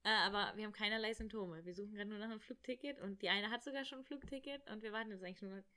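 A young woman in casual chat, telling a travel story in an animated way and acting out the voices of people in it. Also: mid-range voice. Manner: animated, rushed, acts out quoted voices. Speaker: storyteller guest.

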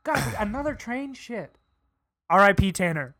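A man's voice: high voice, expressive, measured pace, bright, forceful tone, no room sound, clean studio sound. A young man co-hosting a podcast, bickering playfully and explaining things with mock-scientific confidence. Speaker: podcast co-host. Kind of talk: casual chat.

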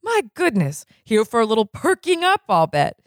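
A reader voicing a manic, coked-up male dentist who lets out shrill squeals and jumps suddenly in pitch. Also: wildly swooping pitch, moderate pace, no room sound, clean studio sound. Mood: excitable.

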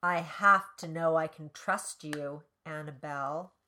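A woman voicing an intense, oddly formal man, speaking slowly and quietly. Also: low voice, fairly even intonation. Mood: menacing.

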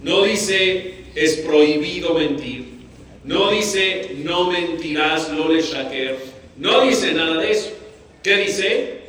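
Male rabbi, fairly high voice, echoey room, distant mic. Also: takes it slowly. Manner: asks the audience questions, animated. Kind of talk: Torah class to a live audience.

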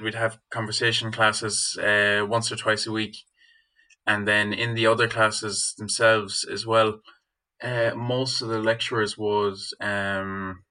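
Young guy w/ west of ireland accent, student being interviewed, kinda hesitant, flat pitch, really bright voice. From Galway, Ireland. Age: young adult. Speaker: student guest. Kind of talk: interview answers.

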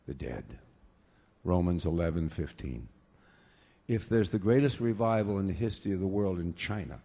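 An American pastor preaches a sermon in a low-set voice, swinging from quiet talk to loud, fervent bursts with repeated hallelujahs. A long reverb tail trails his words.

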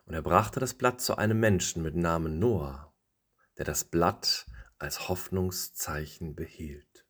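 Husky-voiced pastor reading a devotion. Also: male voice, low voice, a little slow. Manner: expressive storytelling delivery.

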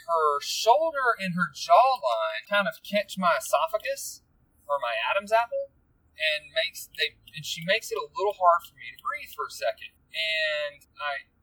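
A man's voice: fairly high pitch, wildly swooping pitch, normal speed, sharp tone, slightly rough, recorded from a distance, low-quality recording. A man hosting a podcast, telling a story casually and rambling, often stumbling and repeating words. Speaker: podcast host.

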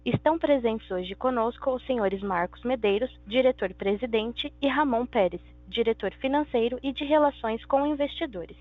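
A woman's voice: fairly high pitch, dry recording. A woman, the operator opening a conference call with a polite, formal scripted introduction. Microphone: phone line. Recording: dry phone-line audio.

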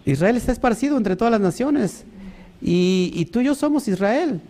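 A man preaching a sermon, animated, asking rhetorical questions and mimicking other people. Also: very high voice, normal speed.

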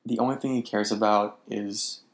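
A woman co-hosting a casual chat, animated and opinionated, quick to disagree. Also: rumbling low. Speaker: podcast co-host.

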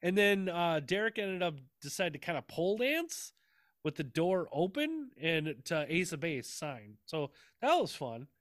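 A man's voice: fairly high pitch, big pitch swings, a little slow, a bit bright, no room sound, studio quality. A man in casual chat, telling rambling stories with frequent laughs and swearing. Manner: rambling, laughing storyteller who swears freely.

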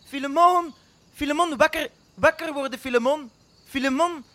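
A man's voice: very high voice, moderate pace, fairly bright tone. A man voicing a fretful, clumsy male woodpecker who fusses and apologizes. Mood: panicked. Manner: fussing, apologetic, flustered.

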